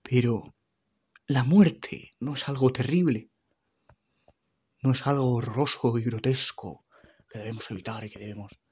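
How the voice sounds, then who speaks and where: A man giving an earnest, halting personal faith testimony about caring for his dying mother. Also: medium pitch, slightly rough, muffled recording. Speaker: grieving son giving testimony.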